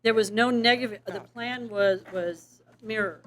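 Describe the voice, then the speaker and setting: A woman's voice: on the high side, unhurried, a bit bright, a little hiss or hum. A woman giving a board meeting presentation, explaining things step by step. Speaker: appraisal district official presenting.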